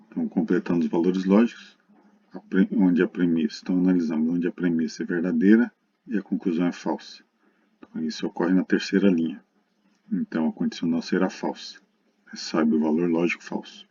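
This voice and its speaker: This Brazilian lecturer's deep, dark voice has a breathy edge as he works through a math lesson, explaining didactically to students. The recording is lo-fi, dull and muffled.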